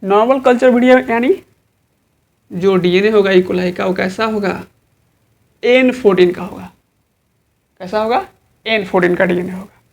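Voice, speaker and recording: A woman teaching an exam-prep biology lecture. She keeps tossing questions at her students and answers them herself. Each key answer gets repeated, in a steady, drilling rhythm. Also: mid-range voice.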